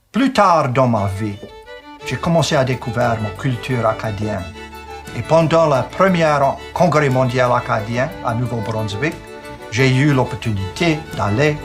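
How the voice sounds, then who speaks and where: A man in his sixties from Louisiana with a Cajun French accent, telling his family story in French. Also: mid-range voice. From Louisiana, United States. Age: 60s. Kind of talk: personal storytelling testimony. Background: fiddle music.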